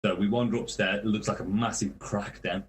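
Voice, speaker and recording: A man with a fairly low voice tells a rambling tour anecdote as a podcast guest. He swears nearly every line and laughs at his own stories. His delivery is loose and casual. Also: fairly even intonation, fairly quick, a little hiss or hum. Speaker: touring metal musician, podcast guest.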